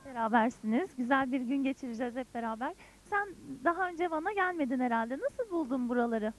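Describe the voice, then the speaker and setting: A woman hosts a field interview for broadcast. Her voice is high, and she moves briskly through her questions and introductions. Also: animated, low-quality recording. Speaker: presenter interviewing guests.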